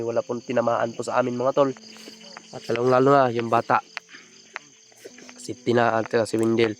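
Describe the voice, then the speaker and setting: A man's voice: medium pitch, slight background noise. A man vlogging outdoors at night, thanking his viewers with heartfelt gratitude and calling them buddies. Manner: grateful, addresses viewers as buddies, warm thanks. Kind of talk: emotional vlog talk to viewers.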